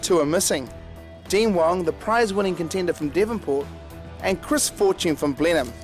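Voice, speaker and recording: Kiwi guy chef hosting a tv show, scripted voiceover, music going behind him, voice a bit high. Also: normal speed. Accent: New Zealand. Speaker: host and head chef. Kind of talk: scripted television narration.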